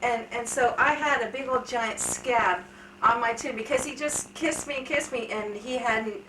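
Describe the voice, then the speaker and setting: Picked up from off-mic in an echoey room with a touch of hiss, a thirties-aged woman speaks at normal speed in a fairly high voice. During a relaxed family interview she chats openly, sharing humorous life stories with plenty of self-deprecation.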